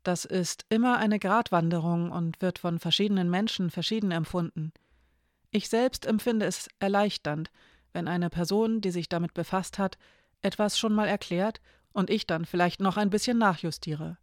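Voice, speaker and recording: A storyteller playing Zay, a careful, candid young person in a storybook, talking softly and weighing each phrase. The recording is close and dry. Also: mid-range voice, moderate pace, no room sound, natural voice. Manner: careful, hesitant, soft.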